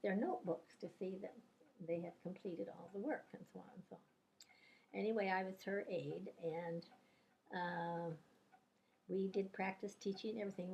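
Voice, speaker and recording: In a casual interview, an older woman who is a retired teacher reminisces about her life through rambling anecdotes packed with fillers and restarts. Her voice is lowish, gravelly and somewhat dark, and the audio is poor with slight background noise.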